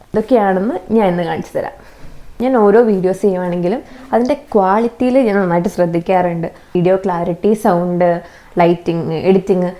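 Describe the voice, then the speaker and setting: In a mellow mid-range voice, a young YouTuber chats her way through a review of cheap video equipment, walking through every item step by step. She often ends sentences with "kettō", and she films on a phone camera, sometimes with a plug-in mic.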